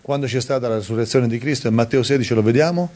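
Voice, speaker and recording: In a conversational sermon, a man reads scripture aloud and hits key words with sudden, high-pitched emphasis. His delivery is rapid-fire and slightly mellow.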